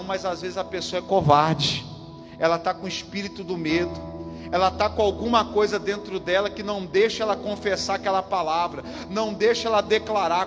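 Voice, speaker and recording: A high-pitched Brazilian man preaches fervently, repeating his points and calling out to the congregation. The recording carries the long reverb of a church hall, with music playing clearly behind him. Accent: Brazilian Portuguese. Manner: emphatic, repeats lines, calls out to the congregation. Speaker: pastor. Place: church service.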